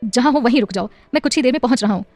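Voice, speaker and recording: A woman reading a story aloud, voicing a loving husband and father who tries to calm his anxious wife. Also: medium pitch, quick pace, dry recording, faint music behind, natural voice. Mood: urgent. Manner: soothing then urgent. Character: adult man, worried loving husband and father.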